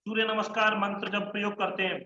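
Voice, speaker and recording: A man's voice: sits high, flat delivery, quick pace, pushed and bright, echoey room, muffled recording. A man teaching an online Sanskrit class, chanting word forms in rhythmic lists and correcting his students. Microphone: online class call mic.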